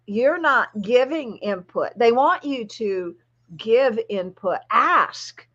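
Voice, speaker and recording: A woman's voice: on the high side, animated, slow pace, a bit bright, muffled recording. A woman host and spiritual guide teaching conversationally, in a chatty, emphatic way. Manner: chatty, emphatic, laughs often.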